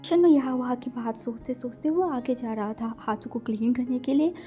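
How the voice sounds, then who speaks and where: A woman's voice: on the high side, normal speed, dark tone. Chatty woman storyteller over faint music. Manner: chatty, sprinkles English fillers like "like". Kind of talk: casual storytelling narration of fan fiction.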